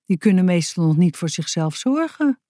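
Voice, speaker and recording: A woman's voice: fairly low pitch, very animated, normal speed, mellow, no room sound, studio quality. A woman voicing a friendly, chatty man who cleans at a prison, in a children's story.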